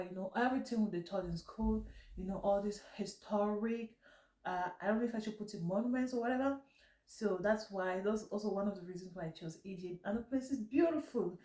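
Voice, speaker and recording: Congested girl vlogging, woman w/ mellow voice, mouth breathing bc stuffy nose, rambly casual chat, echoey room mic kinda far. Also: mid-range voice. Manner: mouth breathing while talking; rambling, self-correcting. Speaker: vlog host.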